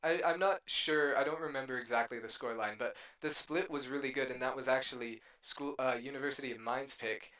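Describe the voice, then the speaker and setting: A man's voice: medium pitch, brisk, hardly any pauses, bright, forceful tone. A man casting and discussing a competitive video game match as a live commentator. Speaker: esports match caster and interviewer.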